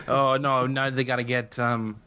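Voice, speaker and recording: Man, from Canada, unhurried, giggly, jokey banter, podcast call. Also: medium pitch, level tone, sharp tone, smooth. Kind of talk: casual group chat on a call.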